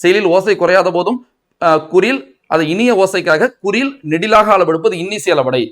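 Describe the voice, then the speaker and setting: A man's voice: sits high, animated, normal speed, fairly bright tone. A man with a Tamil Nadu accent teaching a grammar class for exam students, asking and answering his own questions. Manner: asks and answers his own questions, mixing in English words. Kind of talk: exam coaching lecture.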